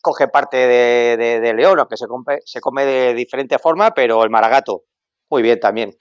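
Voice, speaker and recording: A man's voice: medium pitch, moderate pace, clear, resonant tone, no room sound. A man calling in by mobile phone as a podcast guest, chatting casually and joking with a chuckle. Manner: joking, chuckling between remarks. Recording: dry lo-fi phone audio.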